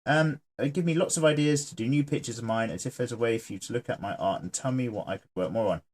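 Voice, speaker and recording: Fast-talking and mid-range in pitch, the artist hosts his channel casually, joking, sketching, and reading viewer comments out loud.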